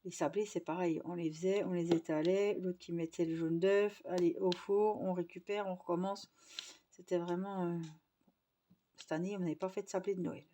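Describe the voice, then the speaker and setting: A woman's voice: fairly low pitch, steady tone, normal speed, warm tone, a little hiss or hum. A young woman chatting casually to her viewers, rambling with lots of fillers and restarts. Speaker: vlogger.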